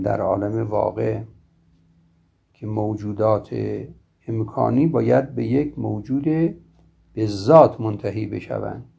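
A man giving a formal philosophy lecture in a slow, measured, scholarly way, often clearing his throat. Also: medium pitch, dark tone. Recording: dull lo-fi recording.

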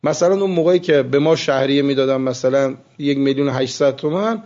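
A man teaching seminary students, lecturing with animated storytelling and soft asides. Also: medium pitch. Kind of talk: classroom lecture with anecdotes. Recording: muffled lo-fi recording.

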